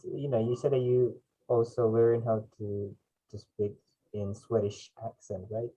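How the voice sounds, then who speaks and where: A man's voice: medium pitch, level tone, measured pace, mellow, dull audio. A man, hosting a casual online chat and prompting his guest with questions. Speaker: host.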